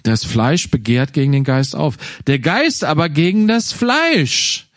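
Male preacher, slow deliberate sermon with lively melody, voices inner dialogue. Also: fairly high pitch, no echo, clean studio sound. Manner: animated, acts out inner voices in quotes.

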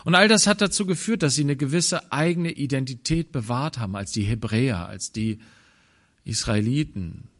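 Here a man from Germany preaches reflectively, stopping and restarting as he goes, with occasional hushed asides in a lower voice.

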